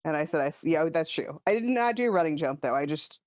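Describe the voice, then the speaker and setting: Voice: medium pitch, animated, quick pace, no echo. Tabletop player, light and giggly, dry close mic. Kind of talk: casual tabletop chat.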